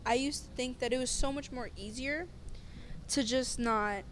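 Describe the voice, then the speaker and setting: A woman's voice: high voice, normal speed, slight background noise. A woman talking earnestly and hesitantly in a casual podcast chat, often searching for her words.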